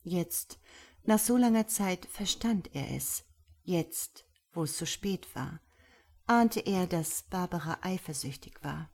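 A woman narrating a story aloud in a measured storytelling manner. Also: on the low side, animated, a little mellow. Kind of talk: audiobook reading of a story.

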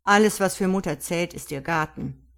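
A woman reading an audiobook voices a sonorous, stern man who calmly plots to get rid of someone. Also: lowish voice, moderate pace. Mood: scheming. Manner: stern and decisive. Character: middle-aged man, sonorous, scheming, firm.

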